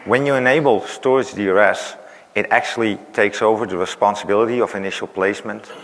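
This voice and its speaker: A man's voice: fairly low pitch, fairly bright tone. A man giving a technical conference talk who is losing his voice, explaining with many "uh"s and "right?" tags. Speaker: conference presenter. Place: large conference hall. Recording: reverberant conference hall.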